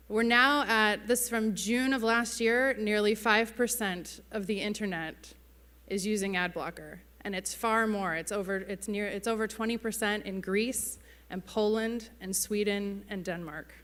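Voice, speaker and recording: A woman giving a conference presentation as a keynote speaker, speaking slow, careful for foreign listeners. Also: medium pitch, fairly bright tone. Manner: careful, slowly spoken English for foreign listeners. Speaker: keynote speaker, advertising strategist. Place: large conference hall. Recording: reverberant hall, amplified stage talk.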